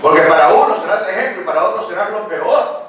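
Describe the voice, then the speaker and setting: A man's voice: high-pitched, animated, quick pace, a bit bright, a little hiss or hum. An older man preaching a sermon as pastor, talking to the congregation in a casual way and asking them many rhetorical questions. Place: church hall. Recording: very echoey church hall, picked up from a distance.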